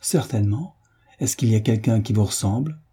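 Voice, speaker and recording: A man's voice: lowish voice, fairly quick, warm tone, slightly rough. A man voicing a shy but earnest young man speaking seriously, in an audiobook.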